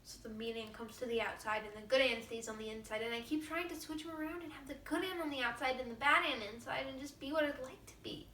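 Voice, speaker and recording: A woman playing a troubled teenage girl who pleads softly and earnestly with her father. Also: high voice, fairly even intonation, fast, few pauses, echoey room, far from the mic, slight background noise. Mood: pleading.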